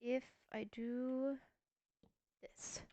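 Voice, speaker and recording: A woman's voice: high voice, flat delivery, extremely slow, mellow, no echo. A woman hosting a casual gameplay video, chatty and thinking aloud with playful self-mockery. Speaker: Minecraft let's-play host.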